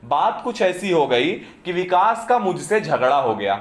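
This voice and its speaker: A man's voice: a little high, sing-song, measured pace. Lecturing man in an echoey classroom. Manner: keeps asking students "समझे?" to check understanding. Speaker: teacher.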